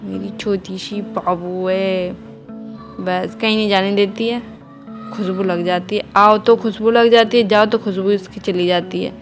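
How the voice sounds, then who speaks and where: In a homely, chatty vlog, a young Indian mother describes her day at home to viewers while caring for her baby, speaking to both. She talks at a measured pace in a medium-pitched voice with fairly even intonation. Soft music plays behind her.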